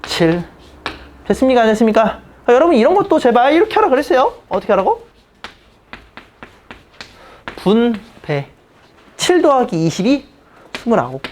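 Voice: medium pitch, sing-song, moderate pace, pauses often, darkish tone, a little hiss or hum. A math teacher in their thirties giving a casual classroom lecture, blunt and teasing with the students.

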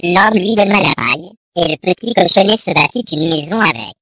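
Bright, dry storybook narrator. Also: medium pitch, expressive, a little fast, no echo, rough recording. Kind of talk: storybook reading.

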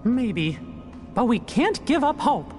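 Small cartoon mouse, squeaky falsetto, gentle, very animated, video game acting. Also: male voice, slow pace, soft background music, heavily acted. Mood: wistful. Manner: gentle, earnest. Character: small cheerful, earnest heroic cartoon mouse.

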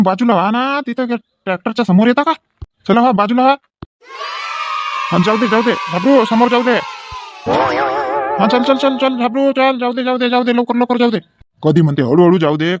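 A man, acting in a rustic comedy sketch and shouting quick repeated orders. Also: high-pitched, lively intonation, faint music behind, some chatter behind. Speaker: comic actor in a village sketch. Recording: dull lo-fi recording.

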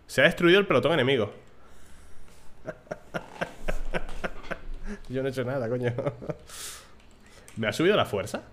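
A man's voice: medium pitch, a little slow, pauses often, slight background noise. Young guy streaming a game, casual, cusses a lot, talks into a desk mic. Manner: casual, swears, shouts excitedly at the game. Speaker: gaming streamer. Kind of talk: live gameplay commentary.

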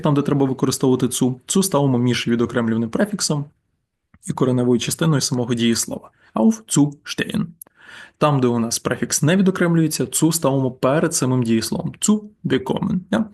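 Man teaching German grammar step by step. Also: medium pitch. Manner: explains patiently, repeats examples slowly. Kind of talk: slide-based grammar lesson.

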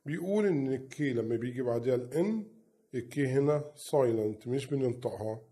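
Dark husky Egyptian teacher drilling sounds. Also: male voice, medium pitch, expressive. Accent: Egyptian Arabic. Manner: slow, repeats each word twice as a drill. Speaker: English teacher. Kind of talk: recorded phonics lesson.

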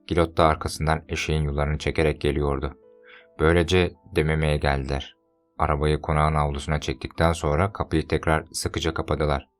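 A man with a very low, deep voice reads a novel aloud in a steady, measured way. Faint music plays beneath him. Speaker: audiobook narrator. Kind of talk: scripted narration.

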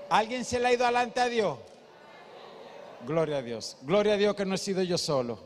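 Male pastor, high voice, emphatic sermon style, long church-hall echo. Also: expressive, fairly quick, a little hiss or hum. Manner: emphatic, questions the congregation.

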